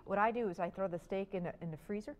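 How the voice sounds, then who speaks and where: A woman's voice: medium pitch, quick pace, a little mellow. A woman in her forties hosting a TV cooking segment, chatty and encouraging as she talks with her guest. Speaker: TV show host. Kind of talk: casual cooking demo chat. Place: TV studio kitchen set.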